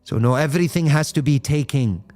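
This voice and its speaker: A man speaking with fervour on a live stream, firing off rhetorical questions and sliding between English and Arabic phrases. His voice sits a little high for a man, and soft music plays faintly behind him. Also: a little fast. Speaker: Islamic speaker. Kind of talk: live-stream talk answering viewer comments.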